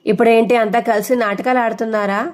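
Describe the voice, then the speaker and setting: A woman's voice: fairly high pitch, fairly even intonation, fast talker, a little mellow, natural voice. Woman reading a proud, scolding mother. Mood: sharp. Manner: scolding, indignant. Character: proud, sharp-tongued middle-aged mother.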